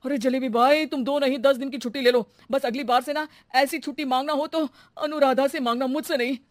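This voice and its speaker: A man's voice: very high voice, fairly even intonation, fairly quick, dry recording, studio quality. A man voicing a fed-up husband in a comedy cartoon, complaining and pleading in exasperation. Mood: exasperated. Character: exasperated middle-class husband, employer of a maid. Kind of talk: comic Hindi cartoon acting.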